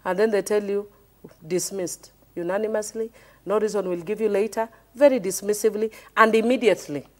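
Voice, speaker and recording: This Kenyan parliamentarian talks fairly quickly in a steady, slightly mellow mid-range voice. As a panel guest in a heated televised debate, she argues with passion and hammers her point again and again.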